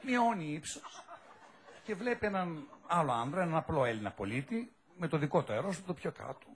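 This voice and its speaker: A man's voice: on the high side, animated, a little hiss or hum. A man hosting a satirical news show, mocking politicians in a chuckling monologue. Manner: mocking, chuckling asides to the audience; talks down to others in mock sympathy.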